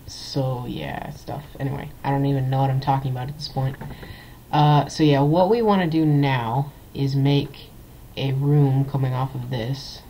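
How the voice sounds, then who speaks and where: A man talks through his gameplay in a loose, rambling let's-play commentary, stumbling over fillers and restarting his sentences. His voice sits at an ordinary middle pitch. A faint hiss of background noise sits under the desktop mic. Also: steady tone, normal speed, mellow, rough recording. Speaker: gameplay video host.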